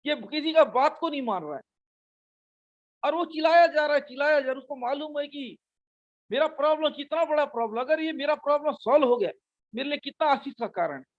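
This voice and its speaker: Man, pastor, very high voice, urgent repetitive preaching, dull lo-fi sound. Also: expressive, fast. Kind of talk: sermon.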